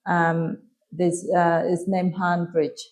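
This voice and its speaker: Soft-spoken Vietnamese woman in her thirties. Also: on the low side, level tone, slow pace, a little hiss or hum. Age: 30s. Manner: soft-spoken, hesitant with frequent ums. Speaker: guest. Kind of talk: casual interview answers.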